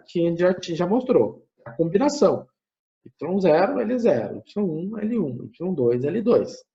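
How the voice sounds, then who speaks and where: A man giving a math lecture, thinking aloud step by step, often checking in with a quick tag question and correcting himself as he goes. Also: sits high, vocal fry, mellow. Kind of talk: recorded classroom lecture. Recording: muffled lo-fi recording.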